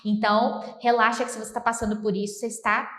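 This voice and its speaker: Brief: woman Brazilian English teacher, higher voice, animated and playful, echoey room. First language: Portuguese. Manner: animated, playful, slow careful English examples. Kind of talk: lively bilingual English lesson.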